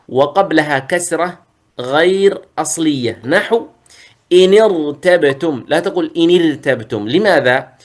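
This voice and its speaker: A man teaching a tajweed lesson, reciting verses slowly, then explaining and modelling pronunciations. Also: on the high side, a bit bright.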